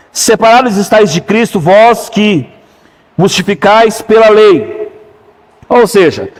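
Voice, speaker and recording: A man's voice: sits high, big-room sound. A man pastor preaching a sermon, often calling out to the congregation for agreement. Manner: preaching with call-and-response questions to the congregation. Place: church hall.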